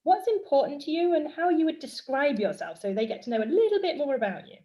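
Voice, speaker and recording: A woman from the UK hosting a casual interview, upbeat and excited. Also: high voice, fast talker. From United Kingdom. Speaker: podcast host.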